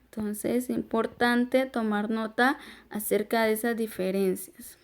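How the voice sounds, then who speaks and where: A woman's voice: fairly high pitch, little pitch movement, unhurried. A woman with a Honduran Spanish accent, teaching a recorded grammar lesson as a voice-over on slides, patiently explaining step by step.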